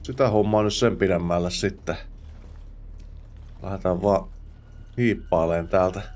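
Low-voiced man narrating his gameplay. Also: darkish tone. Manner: chatty self-talk, mutters while playing; drops English exclamations and curses. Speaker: gamer host. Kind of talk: let's play commentary.

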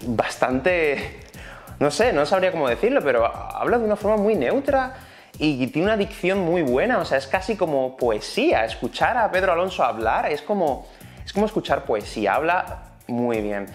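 A man with a Spain Spanish accent teaching an online Spanish lesson in a chatty, explanatory way. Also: fairly high pitch. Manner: chatty, explanatory, many fillers.

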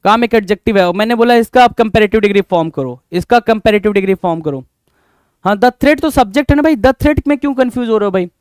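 Addressing his students as "bhai", a young Indian man runs a live online exam-prep class on English grammar, replying to chat comments by name, repeating points and asking rhetorical questions. His high-sitting voice is expressive and quick, slightly mellow and smooth, recorded in clean studio sound with no echo.

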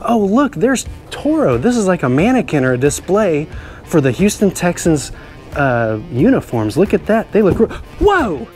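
Dressed as a cowboy, a middle-aged children's show host tours a stadium locker room with huge enthusiasm, exclaiming and laughing often. His high voice swings widely in pitch at normal speed with a darkish tone, over soft background music.

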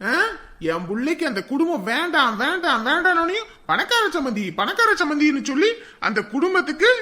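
A woman voicing an angry, bullying middle-aged husband and father who scolds, threatens and shouts. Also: high voice, big pitch swings, a little fast, full character voice. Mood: scolding. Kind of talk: dramatic story voice acting.

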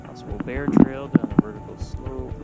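A man of middle pitch chats casually while hiking a mountain trail, relaxed and joking with frequent laughs. He is recorded on an action camera outdoors, with loud music running underneath. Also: moderate pace, poor audio. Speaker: travel vlogger. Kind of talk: casual vlog narration.

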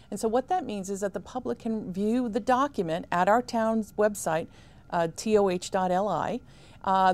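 A woman in her fifties speaks as a town official in a small studio interview set. Her delivery is measured and emphatic, at an ordinary middle pitch. She is picked up cleanly by a lapel mic. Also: a little mellow. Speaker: town supervisor.

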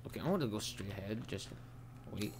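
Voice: deep voice, animated, a little fast, over music. A scared, jumpy horror game streamer muttering and swearing in exasperation while commenting on play. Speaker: gaming video creator.

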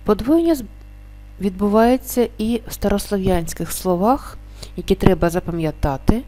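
A woman teaching a grammar lesson, stating each rule and then slowly and carefully sounding out the example words. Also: medium pitch, warm tone.

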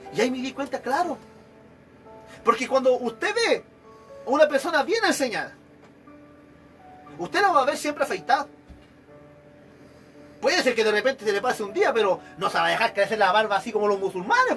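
A man's voice: very high voice, moderate pace, long pauses, soft background music. A man with a Chilean accent preaching an evangelical sermon, acting out examples of churchgoers as he goes. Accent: Chilean Spanish. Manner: animated, acts out examples of church members.

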